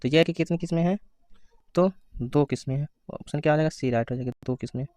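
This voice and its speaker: A man giving an exam-prep grammar lesson, asking questions and answering them himself, reading out the answer options slowly. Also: a little high, darkish tone, no echo, clean studio sound. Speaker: teacher.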